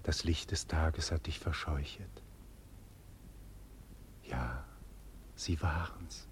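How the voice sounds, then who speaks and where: In a 1940s German radio drama, an actor plays a proud, defiant, visionary nobleman condemned to execution, delivering classical stage declamation slowly and solemnly with wide dynamic swings. His husky voice is extremely low and whispered, carrying a hushed, dreamy awe. The old radio recording has a long hall reverb.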